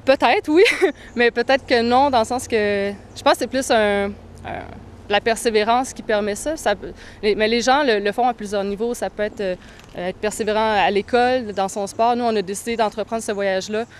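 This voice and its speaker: A young woman, answering interview questions thoughtfully, with frequent pauses. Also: a little high, a little hiss or hum. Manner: thoughtful, hesitant, many pauses. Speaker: touring cyclist interviewee.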